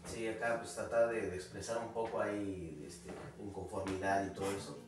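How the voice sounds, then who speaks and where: In a small home recording studio with an echoey room, a rapper born in Chicago and raised in Mexico City speaks as a casual interview guest. His voice sits on the low side at a moderate pace, relaxed and slangy with many fillers and restarts, and a far camera mic catches him from a distance.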